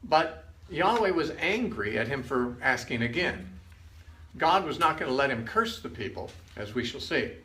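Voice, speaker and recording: A man's voice: medium pitch, very animated, normal speed, sharp tone. An older man giving a conversational Bible lesson, retelling stories and casually acting out the quoted lines. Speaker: Bible teacher. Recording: roomy with faint background noise.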